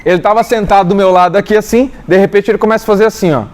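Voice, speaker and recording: A man's voice: sits high, fairly even intonation, rapid-fire, darkish tone. A young Brazilian man preaching in a church hall, telling a story and acting out the voices of the people in it. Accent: Brazilian Portuguese. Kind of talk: sermon with a spoken anecdote.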